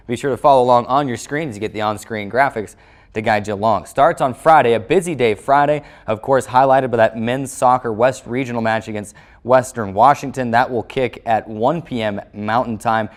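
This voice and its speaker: An American man hosts a sports show, speaking fairly quickly at medium pitch in a scripted announcer style. Background music plays under his voice.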